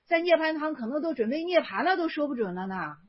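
A Buddhist teacher gives a chatty, casual spoken lecture on Zen Buddhist stories, repeating herself and using lots of fillers. Her voice is high-pitched and fast, with big swings in pitch. The recording is dull and lo-fi.

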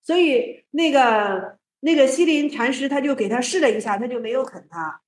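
A woman giving a casual talk on Zen teaching, telling old stories in a lively way. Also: sits high, normal speed, reverberant. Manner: storytelling, lively, with restarts.

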